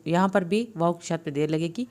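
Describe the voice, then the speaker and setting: A woman with a low, smooth and resonant voice leads a tajweed lesson. She recites each phrase slowly, then explains each sound patiently, step by step. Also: a little mellow. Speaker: Quran recitation teacher.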